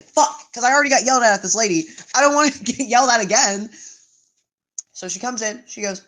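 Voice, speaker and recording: A woman's voice: fairly high pitch, brisk, a bit bright. A woman telling a casual, profanity-laced story about a restaurant shift, full of "like" and "literally" and plainly exasperated.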